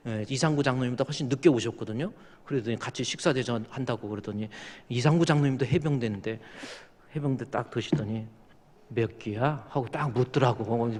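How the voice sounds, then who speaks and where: A male pastor preaching a sermon, joking with the congregation and rising to loud, fervent prayer. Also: medium pitch. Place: church sanctuary. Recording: church hall with long reverb.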